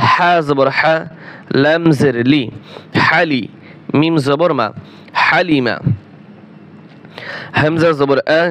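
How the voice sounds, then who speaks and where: Slow, deliberate Quran reading teacher. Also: male voice, a little high, a bit bright. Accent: Bangladeshi Bengali. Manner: drills letter sounds slowly and repeats syllables. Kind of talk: slow drilling lesson.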